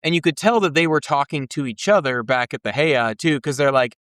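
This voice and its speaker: A man hosts a loose conversation with eager, animated energy, often agreeing and jumping in. His voice sits a little high. The sound is close and dry. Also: fairly quick, no echo. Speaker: podcast host. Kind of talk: casual chat.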